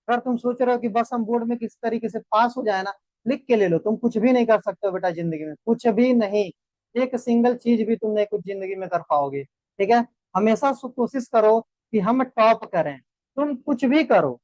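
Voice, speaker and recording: A man's voice: sits high, no room sound. Guy teacher giving students a pep talk, keeps asking thik hai na, muffled dry mic. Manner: lecturing, addresses students as beta; repeats "thik hai na" checks. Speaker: biology teacher. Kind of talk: motivational class talk. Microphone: online class mic. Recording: dull dry sound.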